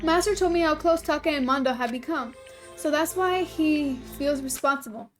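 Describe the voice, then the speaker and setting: A woman reads a polite computer program with a gentle, boyish personality, soft and earnest in a high voice. Game music plays behind. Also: normal speed, close to an everyday voice.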